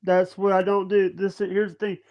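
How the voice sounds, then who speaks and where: Halting, stammering man in his thirties. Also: high-pitched, completely flat delivery. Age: 30s. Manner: halting, stammering, many restarts. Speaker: livestream guest. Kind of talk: casual chat. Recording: dull lo-fi stream audio.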